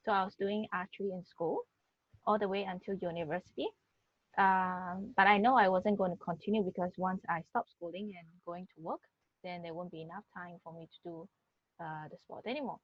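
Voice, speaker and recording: A woman's voice: mid-range voice, fairly even intonation, normal speed, dry recording. A woman from Singapore, a guest on a video call, speaking plainly with fillers. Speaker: guest, international judge. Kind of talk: casual chat. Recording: dull video call audio.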